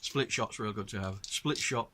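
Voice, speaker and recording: In a relaxed show-and-tell, a middle-aged host with a Northern English accent patiently tells viewers about his gear. His fairly low voice sounds pushed and bright, moving at a moderate pace, with slight background noise. He comes from the north of England.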